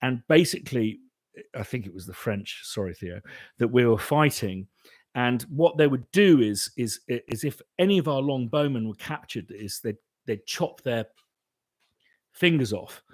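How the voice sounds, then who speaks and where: A British composer hosts a live Q&A, answering viewers' questions in a casual chat. His medium-pitched voice has lively intonation and an unhurried pace with no room sound, and he rambles with many restarts and fillers.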